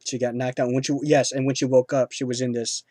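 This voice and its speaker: A man's voice: mid-range voice, level tone, fast, dark tone, dry recording. A man hosting a casual film review, rambling with lots of fillers and restarts.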